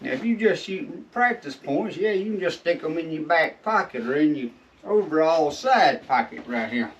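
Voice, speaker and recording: A man's voice: on the high side, lively intonation, moderate pace. A man with a Southern US accent hosts a casual, folksy how-to vlog, his drawling speech slightly muffled by chewing tobacco in his lip. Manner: folksy, drawling informal talk. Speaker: video host. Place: shed. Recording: distant mic, dull lo-fi sound.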